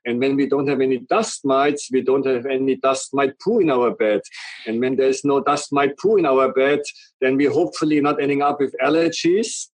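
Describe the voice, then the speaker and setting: With no echo on the recording, a middle-aged man from Germany speaks at a moderate pace in a mid-range voice and a strong German accent. As a guest representing his company in an interview, he explains a product earnestly at length, stringing together long run-on sentences.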